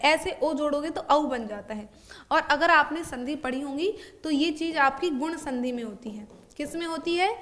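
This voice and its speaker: A young woman teacher with a high, light voice. She explains a grammar lesson step by step in a classroom way. She keeps asking a question and then answers it herself. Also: fairly bright tone. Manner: asks and answers her own questions.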